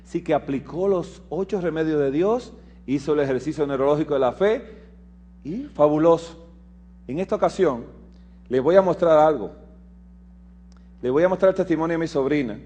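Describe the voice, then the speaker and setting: A man delivers a lecture in the cadence of a sermon, his voice pitched somewhat high for a man. He tells personal stories, playing out each exchange, slipping into hushed asides before building to loud, emphatic lines. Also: moderate pace, long pauses. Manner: animated storyteller who acts out dialogue and swings from hushed asides to loud emphasis. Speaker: health lecturer at a Bible prophecy school.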